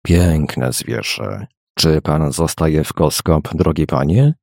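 A man voicing a mysterious older male traveler in an audiobook, speaking slowly and solemnly with a drawn-out, piercing delivery. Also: extremely low pitch, no echo, studio quality, pitched below the performer's own voice, heavily acted. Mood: ominous.

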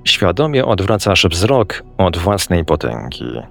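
A man reading the lines of a calm, wise old male sorcerer teacher, measured and gently amused. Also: sits low, vocal fry, soft background music, exaggerated voice.

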